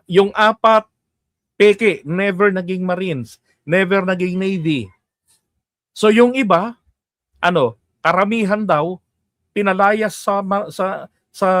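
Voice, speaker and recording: High-voiced Filipino man ranting chattily. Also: dry recording, studio quality. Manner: chatty, laughs often, asks "di ba?" to listeners. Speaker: political commentary host. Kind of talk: casual political commentary.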